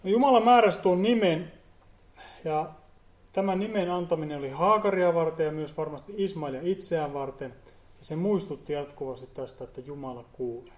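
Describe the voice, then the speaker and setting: A man giving an earnest Bible teaching, often pausing and repeating words as he explains. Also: a little high, roomy sound. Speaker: preacher.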